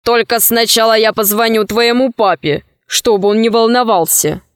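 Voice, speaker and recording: A woman voicing a shy, middle-aged male scientist in a children's story, speaking gently and timidly. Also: fairly high pitch, steady tone, normal speed, smooth, no echo, studio quality, natural voice. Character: shy middle-aged man, reserve director.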